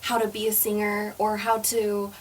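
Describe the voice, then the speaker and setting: A woman in her twenties from the United States, a singer telling her story as a guest in a casual podcast interview, animated and joking with viewers. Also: medium pitch, moderate pace. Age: 20s. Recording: somewhat distant mic, faint background noise.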